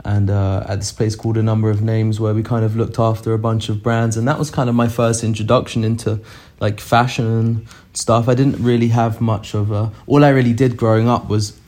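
A young English man in his twenties talks casually as a podcast guest. His voice sits low and mellow, with a flat melody, and he rambles easily through fillers. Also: fairly quick. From England. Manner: laid-back, rambling with fillers. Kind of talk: casual chat.

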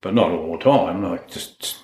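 Deep-voiced man with a broad Kiwi accent. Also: a little slow, darkish tone. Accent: broad New Zealand. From New Zealand. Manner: plain-spoken, no-nonsense, mildly sweary. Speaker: interviewee, friend of the person discussed. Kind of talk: informal recollection in a sit-down interview. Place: indoors in a house. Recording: roomy, echoey home interview.

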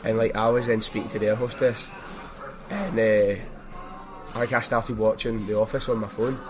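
A man's voice: on the low side, steady tone, moderate pace, music in the background. A man with a strong Glaswegian Scottish accent hosting a podcast, telling stories in a casual, colloquial way with opinions of his own. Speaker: podcast host. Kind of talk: casual anecdotal chat.

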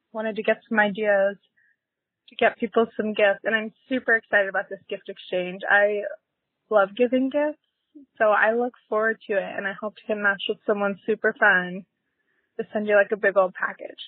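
A woman's voice: mid-range voice, steady tone, moderate pace, no room sound. A woman leaving a chatty, upbeat voice message as a podcast listener calling in. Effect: played-back voice message. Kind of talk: casual voicemail. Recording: tinny dry phone-line recording.

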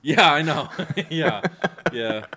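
A man's voice: a little high, expressive, pushed and bright. A man with a nasal voice, co-hosting a podcast in casual, self-deprecating chat. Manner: self-deprecating, quick to laugh. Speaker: podcast co-host.

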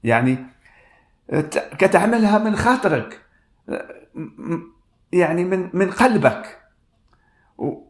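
A man with a Moroccan Arabic accent giving a radio sermon and reading scripture slowly, with hesitant restarts. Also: high voice, sing-song, reverberant. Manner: slow, measured reading with frequent hesitant restarts. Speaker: radio preacher.

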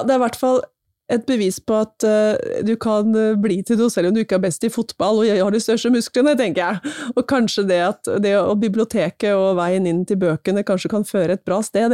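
A woman's voice: mid-range voice, dark tone, dry recording, clean studio sound. A woman being interviewed as a guest in a library, chatting casually with frequent laughs and fillers. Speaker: guest, author and government minister.

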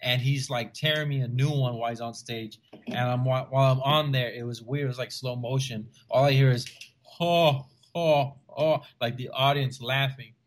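A man from the Rio Grande Valley of Texas talks as a stand-up comedian guest in a relaxed interview. He tells stories in an animated way and slips into the voices of the people he quotes. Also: mid-range voice, brisk. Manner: animated storyteller who acts out quoted voices. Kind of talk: casual storytelling interview.

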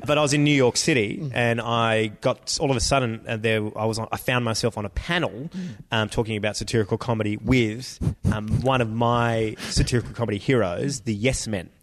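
A man, a comedian in casual podcast chat, animated and prone to stammering restarts. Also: medium pitch, brisk.

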